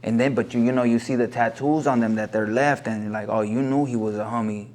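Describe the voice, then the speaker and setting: A man's voice: medium pitch, fairly even intonation, fast, a little mellow. A man in his thirties from Los Angeles, a corrido singer talking earnestly and reflectively as a guest in a casual interview, now and then slipping into Spanish. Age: 30s.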